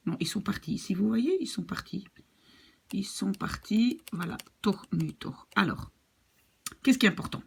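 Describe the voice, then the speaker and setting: Woman teacher, Belgian French accent, husky voice, slow careful explaining, lively pitch. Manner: explains slowly with spoken demonstrations in another language. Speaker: language teacher. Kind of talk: video language lesson.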